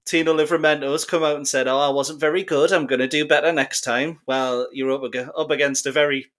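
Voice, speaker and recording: A man's voice: a little high, fairly even intonation, brisk, a bit bright. A man who is a guest on a football podcast, giving confident analysis with dry, sarcastic humour. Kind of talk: casual football podcast chat.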